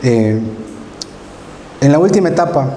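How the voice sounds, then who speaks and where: A man with a Salvadoran accent delivers a heartfelt sermon, his mellow, warm voice carrying through a church hall. He tells stories with feeling and slips into acted pleas from his own past. The sound is roomy with a long reverb tail and a faint hiss behind it. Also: a little high, animated, unhurried. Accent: Salvadoran Spanish. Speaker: preacher.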